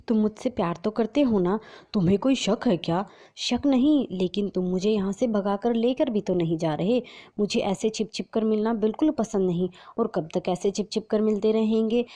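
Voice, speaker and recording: A woman's voice: medium pitch, normal speed, warm tone, close to an everyday voice. A woman voicing a scheming young daughter-in-law with an impatient, scolding manner. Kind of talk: storybook narration.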